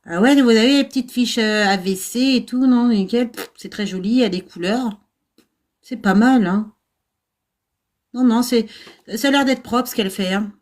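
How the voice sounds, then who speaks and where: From an old house without air conditioning, a middle-aged woman who coaches nursing-assistant VAE hosts a relaxed livestream chat, self-deprecating, laughing frequently, and full of hesitations. Her voice is slightly high and darkish, at normal speed.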